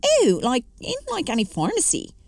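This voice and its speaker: A woman's voice: high-pitched, wildly swooping pitch, moderate pace, vocal fry, darkish tone, no room sound, studio quality, voice pushed up, heavily acted. A woman voicing a smug schoolgirl. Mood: casual. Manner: drawling, filler-heavy "like" talk. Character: smug teenage schoolgirl, know-it-all.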